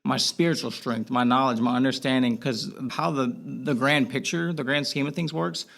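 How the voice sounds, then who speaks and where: A young man with a Boston accent, a podcast guest talking candidly in a halting way, with many restarts. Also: medium pitch, steady tone, creaky, a bit bright. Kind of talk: casual podcast interview.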